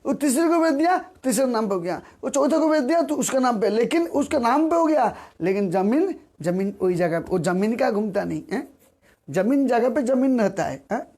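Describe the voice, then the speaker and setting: A man giving a devotional sermon, repeating phrases and asking rhetorical questions, sometimes singing verses slowly. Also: extremely high pitch, expressive, darkish tone. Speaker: preacher.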